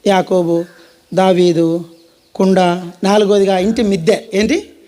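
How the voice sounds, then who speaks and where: Very high voiced preacher guy w telugu accent, goes loud then hushed, keeps asking the crowd to answer. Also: fairly even intonation, measured pace. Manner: dramatic, swinging between loud and hushed; calls on the audience to answer. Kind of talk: sermon.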